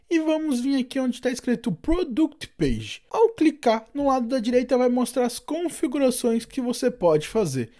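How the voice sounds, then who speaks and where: A man from Brazil narrating a step-by-step screen-recorded software tutorial, explaining settings and giving his own recommendations. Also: extremely high pitch. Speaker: tutorial host.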